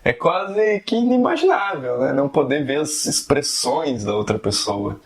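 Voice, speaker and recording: A man's voice: a little high, very animated, unhurried. A man giving a casual, conversational video lesson on fiction writing, often tagging questions onto his sentences. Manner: conversational, frequent tag questions. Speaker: writing teacher.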